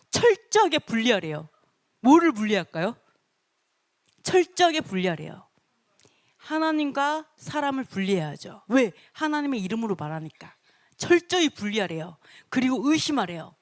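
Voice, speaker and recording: Woman leading bible study, voice jumps around a lot, kinda high, acts stuff out n laughs. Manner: animated, acts out short quotes, laughs often. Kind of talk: church Bible study teaching.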